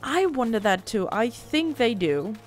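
Her voice sits on the high side and swings widely in pitch, though her pace stays measured. As host of a casual let's-play with game music underneath, she jokes about her role-playing party, grumbling and swearing at them.

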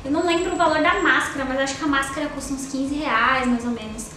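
A woman's voice: high-pitched, fast, pushed and bright. A young Brazilian woman in her twenties reviewing beauty products in a chatty, gushing way, filling her talk with little tag questions. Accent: Brazilian Portuguese. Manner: chatty, gushing, lots of fillers like "tá?" and "ó". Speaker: beauty vlogger. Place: small indoor room with a sofa. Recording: very echoey room with faint noise.

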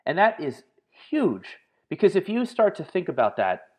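Chatty guy on a podcast as the guest, long lively answers, lots of uhs. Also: sits high, normal speed. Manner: lively, talkative storyteller with frequent fillers. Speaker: guest, market analyst and author. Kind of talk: podcast interview.

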